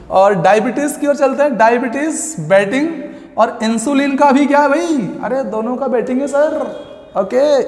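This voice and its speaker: A man teaching an exam coaching class, playful and drawn-out, repeating key words slowly as memory tricks. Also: very high voice. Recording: echoey long-reverb room.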